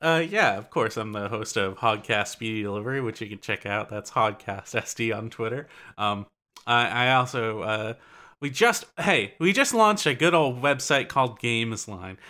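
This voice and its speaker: Podcast guest, man, bright edgy tone, lively pitch, deadpan jokes. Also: normal speed. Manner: deadpan jokey, hesitant with fillers. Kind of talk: casual comedy chat.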